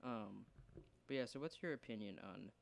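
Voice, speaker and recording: A man's voice: on the low side, normal speed, creaky. Rambling, joking man in a podcast chat. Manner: joking, rambling, swears, laughs a lot. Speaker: podcast co-host. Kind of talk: casual chat. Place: bedroom.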